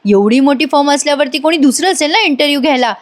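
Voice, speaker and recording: An indignant young woman in a soap-style recap, her voice pushed up high and sharp with exasperation as she rails at everyone around her, put on by a woman narrator. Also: expressive, fast talker. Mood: exasperated. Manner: exasperated, scolding outbursts. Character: young woman, frustrated job seeker.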